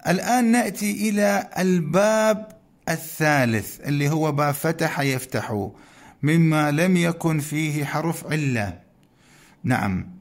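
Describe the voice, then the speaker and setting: Man slowly chanting Arabic verb forms. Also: on the high side. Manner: slow, deliberate recitation of verb conjugations, chanting some forms; pauses to address students with rhetorical questions. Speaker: Arabic grammar teacher. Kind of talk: explaining a classical grammar text.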